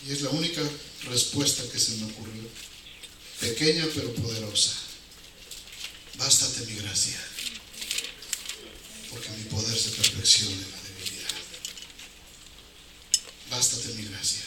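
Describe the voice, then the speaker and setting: In a noisy, very echoey hall, heard from a distance, a man with a Mexican accent preaches an informal sermon. His voice is medium-pitched, his pace measured, and he pauses often. He speaks in colloquial words, relying on rhetorical questions and repeated phrases for emphasis.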